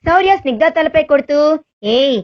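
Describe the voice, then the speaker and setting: A woman with a high voice reads a romantic story in a gentle, steady way. Her narration is scripted and even. The recording is dull and lo-fi. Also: a little fast.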